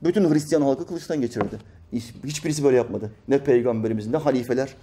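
A man's voice: mid-range voice, fast, warm tone, slight background noise. A man reading out a news article and rebutting it in an emphatic, preacherly commentary full of rhetorical questions. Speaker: religious commentator.

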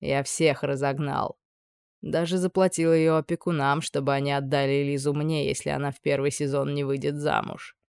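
A woman voicing a scheming, menacing older male judge with a low, insinuating purr. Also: flat delivery, normal speed, creaky, a little mellow, clean tone, no room sound, clean studio sound.

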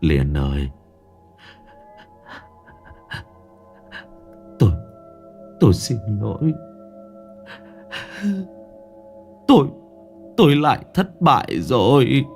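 A man's voice: medium pitch, big pitch swings, unhurried, soft background music, voice pushed up. A man voicing a broken old male farmer who cries out in sobbing despair. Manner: sobbing, crying out names. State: crying.

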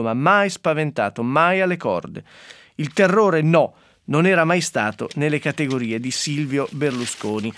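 A man's voice: mid-range voice, no room sound, clean studio sound. Man hosting a radio press review. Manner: conversational, with frequent fillers and asides. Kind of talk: radio press review, reading newspaper quotes. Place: radio studio.

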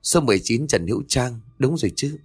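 A man's voice: mid-range voice, lively intonation, a little fast, darkish tone, breathy edge, dry recording. A man voicing a selfish young husband who talks in a dismissive, evasive way. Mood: placating.

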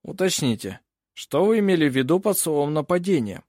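A stern, curt judge who speaks in plain, clipped rulings, read by a man. His voice is lively in pitch and sits close and dry. The medium is an audiobook. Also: a little fast, no room sound.

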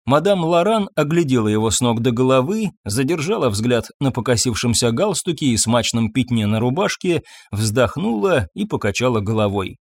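Expressive male audiobook narrator. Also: mid-range voice, moderate pace, hardly any pauses, dry recording. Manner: expressive, dramatic storytelling.

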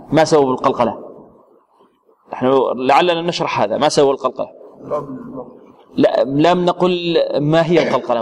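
A man teaching Quran recitation rules, quizzing his students and answering his own questions with halting restarts. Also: a little high, big-room sound. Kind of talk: tajweed lesson with questions to students.

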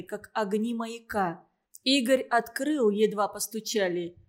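A woman narrating a novel in a steady, even storytelling manner. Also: a little high. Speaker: audiobook narrator.

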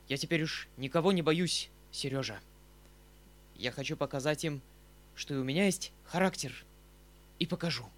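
A man voicing an excitable elderly uncle, a retired hussar colonel, speaking in impassioned exclamations. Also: fairly high pitch, voice pushed up, lightly acted.

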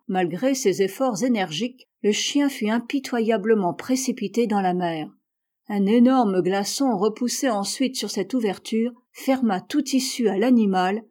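Woman reading a novel aloud, mellow tone. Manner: voices sailors' quotes louder and higher. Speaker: audiobook reader. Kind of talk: read-aloud novel narration.

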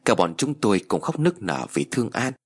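A man narrating a first-person horror story in a measured, somber way. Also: fairly low pitch, big pitch swings, slightly rough.

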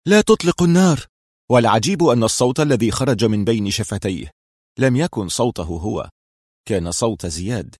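A man's voice: fairly low pitch, a little mellow, dry recording, studio quality. A man reading a thriller audiobook with dramatic, suspenseful narration.

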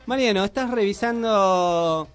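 A man's voice: sits high, unhurried, fairly bright tone, clean tone. A man from Argentina, co-hosting a casual community radio chat, joking and chatty. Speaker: radio host.

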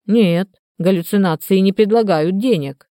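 A woman voicing a hoarse, half-drunk old male canal watchman who grumbles slowly and muses aloud. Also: medium pitch, warm tone, no room sound, clean studio sound, lightly acted. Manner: grumbling, slow and musing.

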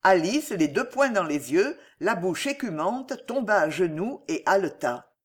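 A French-accented man narrating a historical novel with theatrical expression. His pitch moves lively and animated through the sentences. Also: measured pace, slightly rough. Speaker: audiobook narrator. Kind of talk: dramatic literary narration.

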